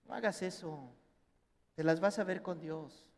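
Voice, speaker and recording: A middle-aged man with a Mexican accent preaching a sermon as pastor, animated and acting out family members in quoted voices. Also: on the high side, unhurried. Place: church hall. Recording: long reverb in a church hall.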